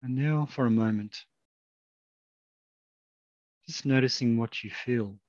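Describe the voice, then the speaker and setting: A man guiding a meditation at a middle pitch, speaking slowly and softly with long, calm pauses. The sound is dry and a little dull, as in a plain lo-fi recording. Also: no echo. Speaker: meditation guide. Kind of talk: guided meditation.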